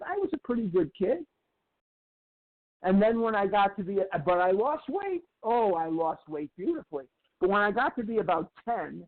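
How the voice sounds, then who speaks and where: A man in his sixties giving a candid, emphatic personal recovery share, often repeating phrases. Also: sits high. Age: 60s. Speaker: recovery speaker. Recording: tinny phone-like recording.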